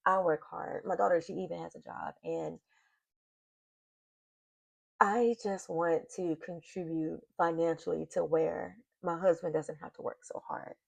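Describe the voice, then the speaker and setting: A woman's voice: lowish voice, fairly even intonation, measured pace, gravelly, no room sound. A middle-aged woman, talking to her viewers in a casual confessional vlog from her home office, emotional and sighing as she speaks. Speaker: vlogger. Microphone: computer mic.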